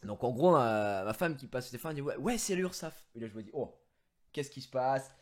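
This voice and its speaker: A man telling a story in a casual vlog, rambling with fillers, using crude slang and breaking into mock-indignant shouting. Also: mid-range voice, expressive, a little fast. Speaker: streamer.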